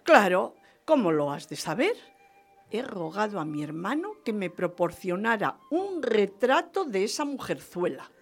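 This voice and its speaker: A woman with a mid-range, sing-song voice performs a period radio drama at an unhurried pace over faint music. Her character is a vengeful, plotting French marquise, exuberant and delighted by her marriage, and she plays her theatrically and gushingly, conspiratorial and indignant, repeating lines for emphasis.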